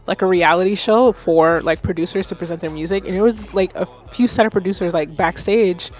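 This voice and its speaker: A woman in her thirties hosting a live music feedback stream, chatting casually, animated and self-mocking, talking to her chat. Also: lowish voice, fairly quick. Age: 30s. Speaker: livestream host giving music feedback. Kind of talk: casual livestream commentary.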